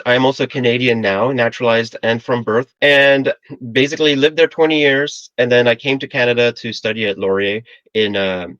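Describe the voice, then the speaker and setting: A man's voice: mid-range voice, fairly bright tone, no echo. Joking man in his forties, muffled audio. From Philippines. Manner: friendly, joking. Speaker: guest, AI consultant. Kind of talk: casual interview chat.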